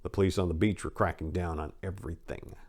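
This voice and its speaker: The narrator, an American man with a voice on the low side, reads a first-person memoir as a dramatic performance. He talks fast with fairly even intonation and a slightly mellow sound, giving it a gritty, irreverent feel of someone relating his own hard past.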